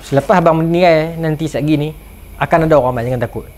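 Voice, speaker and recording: Brief: man playing a steady dying old hermit, reassuring and unhurried in his words. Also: on the high side, close to an everyday voice. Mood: calm reassurance. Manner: calm, reassuring. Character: calm dying old desert ascetic, steadfast.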